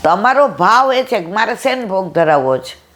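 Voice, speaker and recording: A woman's voice: mid-range voice, big pitch swings, moderate pace, a bit bright, a little hiss or hum. Affectionate woman giving a devotional talk. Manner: affectionate, storytelling, addresses listeners as "my dear". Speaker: satsang speaker. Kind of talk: devotional talk retelling a conversation.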